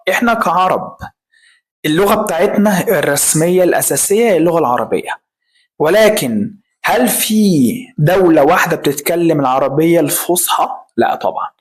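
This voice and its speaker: A man with an Egyptian Arabic accent teaching English, repeating each word several times for practice. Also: on the high side. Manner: repeats words slowly for drilling. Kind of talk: spoken language lesson.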